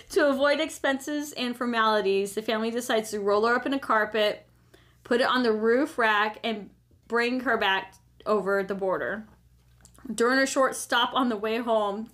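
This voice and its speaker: A woman's voice: on the high side, normal speed, fairly bright tone. A middle-aged woman from Arizona, co-hosting a casual podcast, reading out game cards and chatting with a giggle. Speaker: podcast co-host.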